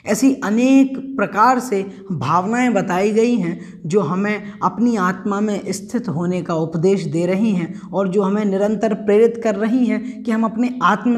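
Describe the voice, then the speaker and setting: A man teaching a scripture class, explaining verses slowly and carefully and repeating words so learners get the pronunciation right. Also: high voice. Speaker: religious teacher. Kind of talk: chanted Sanskrit verse recitation. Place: home, online class recording.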